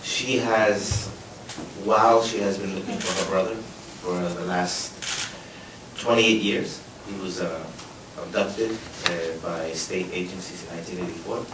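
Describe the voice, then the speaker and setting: A man with a very low voice speaks earnestly and off the cuff on a panel. He is heard from a distance in a roomy hall, with clear background noise behind him. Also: fairly even intonation, unhurried. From Guatemala, raised in New York. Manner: earnest, loose and spontaneous. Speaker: forensic anthropologist panelist. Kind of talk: panel discussion. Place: lecture hall.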